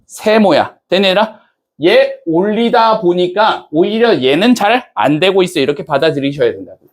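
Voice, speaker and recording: A man's voice: high voice, animated, moderate pace. A man teaching an English class, casually checking in with students and asking them questions as he goes. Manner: casual banter-style speech to students. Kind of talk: classroom lecture.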